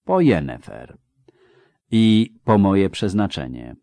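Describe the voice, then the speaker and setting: A man voicing a young woman warrior who answers flatly and without emotion. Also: deep voice, slow, no room sound, exaggerated voice. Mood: detached. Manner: flat, emotionless delivery.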